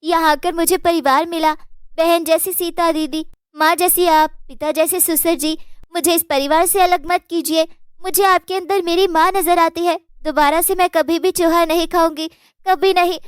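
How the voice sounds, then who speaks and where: An eager, sweet young daughter-in-law in a cartoon, talking in a pleading way. Her voice is very high and close, with a dry sound. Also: steady tone, normal speed, no room sound. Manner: pleading, apologetic.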